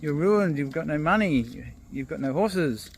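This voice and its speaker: A man voicing an excitable male neighbour who gushes in dramatic exclamations while retelling a fable. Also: on the high side, unhurried, slight background noise. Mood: exclaiming.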